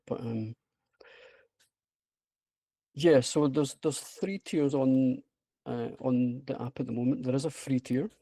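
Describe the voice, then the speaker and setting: A man's voice: medium pitch, creaky, mellow, dry recording. A man with a broad Scottish accent giving an informal online presentation, hesitant and self-deprecating but enthusiastic. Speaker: presenter, app creator. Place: remote online video call with screen share.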